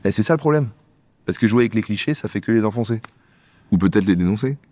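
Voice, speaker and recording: Male sketch comedian, low register, rapid-fire bickering delivery, dry close sound. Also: lively intonation, dark tone, dry recording. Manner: quick, bickering back-and-forth between two characters.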